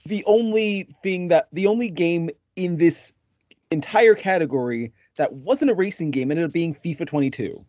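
A man in a casual chat who chimes in with quick comments. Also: a little high, a little mellow, no echo, highs cut off.

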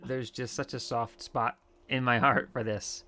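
Male podcast co-host, bright forceful tone, easygoing chat with bursts of animation. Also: medium pitch, measured pace. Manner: animated, laughing, acts out quoted lines. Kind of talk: casual chat.

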